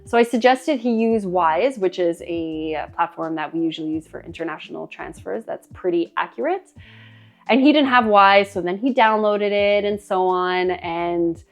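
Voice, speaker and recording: A woman vlogger telling a personal story in a chatty, animated way, with plenty of fillers and laughter. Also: on the low side, moderate pace. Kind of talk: casual storytime monologue.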